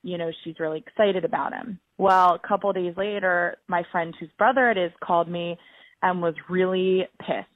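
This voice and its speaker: Caller: woman from Illinois, lowish voice, chatty voicemail message over a thin phone line. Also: fairly even intonation, normal speed, dry recording. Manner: chatty, with many fillers. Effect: voicemail played on air.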